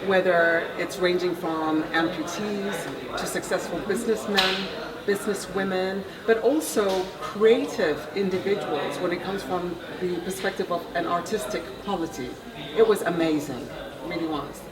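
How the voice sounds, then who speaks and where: Measured woman at a noisy conference. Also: lowish voice. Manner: thoughtful, measured, frequent ums. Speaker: conference attendee. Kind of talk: event feedback interview. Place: busy conference venue. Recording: roomy, distant, loud crowd behind.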